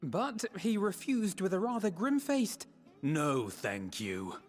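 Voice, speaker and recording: A woman's voice: medium pitch, big pitch swings, takes it slowly. A woman voicing a young, proper elven scholar in a fantasy game, speaking formally with dry wryness. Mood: wry, formal. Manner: formal, articulate, dryly wry. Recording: game audio with music behind.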